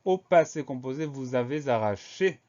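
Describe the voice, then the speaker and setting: A male teacher talks through a spelling lesson in a medium-pitched voice, steady and methodical, spelling each word letter by letter. The recording is slightly dull and lo-fi. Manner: slow, clear, methodical dictation.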